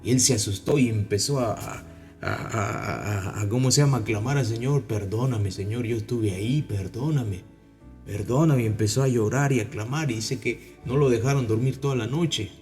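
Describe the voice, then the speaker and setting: Peruvian man preaching a lively sermon. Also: mid-range voice, a little fast, soft background music. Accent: Peruvian Spanish. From Peru. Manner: animated storytelling, acting out voices. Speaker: pastor.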